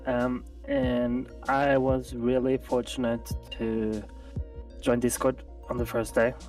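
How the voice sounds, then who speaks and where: As a guest on a live gaming stream, a man chats casually, thoughtful and hesitant with many restarts. His mid-range voice is monotone, slow and a little mellow, caught by a distant mic with faint music playing.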